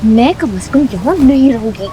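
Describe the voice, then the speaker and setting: A woman's voice: on the high side, lively intonation, moderate pace, music in the background, natural voice. An actress playing a spoiled, dramatic young newlywed wife in a TV drama, demanding and dropping English words into her talk. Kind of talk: TV drama acting.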